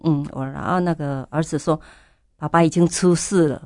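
A woman's voice: deep voice, steady tone, moderate pace, warm tone, dry recording, clean studio sound. An older woman, a church elder, telling her story in an interview and fervently repeating her prayers aloud. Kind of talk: testimony interview.

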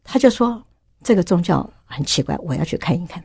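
A woman's voice: on the low side, lively intonation, vocal fry, warm tone, husky, no room sound. A middle-aged woman earnestly telling her personal faith testimony as a radio guest. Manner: quick, earnest storytelling.

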